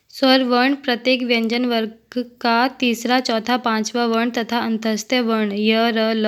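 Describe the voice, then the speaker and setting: A woman reading grammar notes aloud for exam preparation, dictating letters and words slowly and carefully. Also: on the high side, clean tone. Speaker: teacher.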